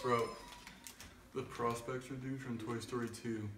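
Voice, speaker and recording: A young man with a mid-pitched voice tossing out playful, teasing remarks. He is picked up from a distance in an echoey room with faint background hiss. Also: little pitch movement, a little slow. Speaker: co-host. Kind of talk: casual chat.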